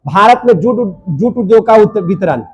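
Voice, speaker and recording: Young male teacher, high voice, drills facts by question and repeated answer. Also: expressive, normal speed, husky. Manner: call-and-response drilling, repeating each answer. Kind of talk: classroom lecture.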